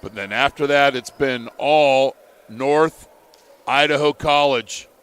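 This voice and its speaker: A man calling a live college basketball game play by play, in measured, steady calls. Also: medium pitch, smooth. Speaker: play-by-play commentator.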